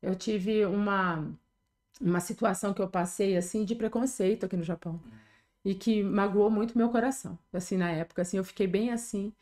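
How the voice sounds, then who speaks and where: A woman's voice: mid-range voice, steady tone, fairly quick, a little mellow. Earnest Brazilian woman pastor. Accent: Brazilian Portuguese. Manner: earnest, tags sentences with "né". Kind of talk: conversational testimony.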